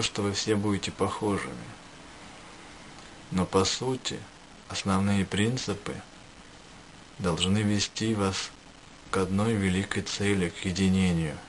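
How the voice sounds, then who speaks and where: A man giving a spiritual address to listeners, speaking in measured short phrases with pauses. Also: low-pitched, a little hiss or hum, poor audio. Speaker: spiritual teacher.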